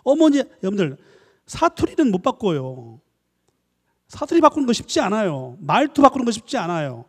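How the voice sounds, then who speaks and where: A man, a professor, giving a lively church lecture, acting out little dialogues and coaxing his listeners. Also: high voice, husky. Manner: animated, acts out dialogues, coaxing the audience. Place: church hall. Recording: long hall reverb.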